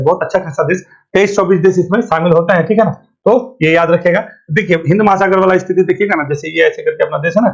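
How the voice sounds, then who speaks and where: A man runs an exam-prep lesson. He fires off questions and answers them himself, dropping "thik hai" again and again. The recording is dull and lo-fi. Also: high voice. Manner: colloquial, keeps asking and answering his own questions with "thik hai". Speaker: current affairs teacher. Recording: dull lo-fi sound.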